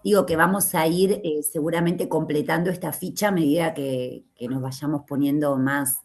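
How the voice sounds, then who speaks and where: A woman student joins an online class discussion over a video call. Her voice sits a little low for a woman. She talks tentatively, reasoning out loud as she goes. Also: steady tone, normal speed. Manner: tentative, thinking aloud.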